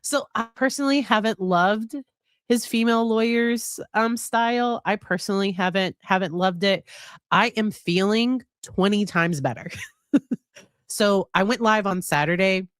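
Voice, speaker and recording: This livestream host, a middle-aged woman psychologist, talks in an unhurried, mid-range voice with a clean tone, slightly nasal from a cold. She's chatty yet hesitant, restarting and laughing a lot, in clean studio sound with no echo.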